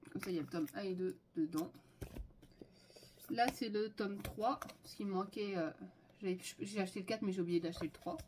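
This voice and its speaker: Casting note: enthusiastic woman vlogger, mid-pitched, casual and chatty, faint hiss behind. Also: fairly quick, darkish tone. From France. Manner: enthusiastic, listing items with many fillers. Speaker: manga haul vlogger. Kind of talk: casual haul video chat.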